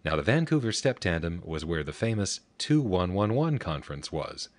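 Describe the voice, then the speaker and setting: A man's voice: sits low, sing-song, moderate pace, a little hiss or hum. A man giving precise, technical explanatory narration as he introduces archival recordings. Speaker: narrator of telephone history recordings.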